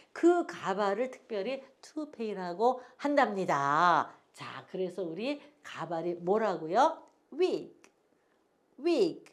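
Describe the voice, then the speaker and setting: A woman's voice: medium pitch, a little mellow. An older woman teaching an English phonics lesson, patiently repeating each word for learners to echo and drifting into homely stories.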